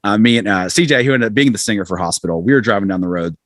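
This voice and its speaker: Talking rapid-fire with lively intonation, a southern American man in his forties guests on a podcast, a rock musician who rambles and pokes fun at himself while telling stories. His voice is fairly low and a bit bright, recorded at studio quality with no room sound.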